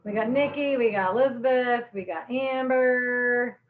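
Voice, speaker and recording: Chatty lady running an online cooking class, kinda high voice, teary from onions, tinny call audio in an echoey kitchen. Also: measured pace. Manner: bubbly, chatty, laughs at her own jokes.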